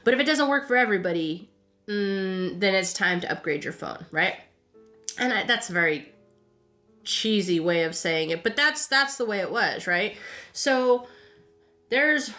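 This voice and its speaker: Over soft background music, a female podcast host with a medium-pitched, sharp, expressive voice speaks a little slowly, pausing often. She recounts history informally from notes, chatty and tagging lines with "right?", stumbling, self-correcting, and repeating words.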